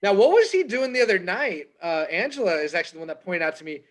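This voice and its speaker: Higher-voiced jokey man co-hosting. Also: big pitch swings, fast talker, over a noisy crowd. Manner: jokey, steers the talk back on track. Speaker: podcast co-host. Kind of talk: casual sports chat.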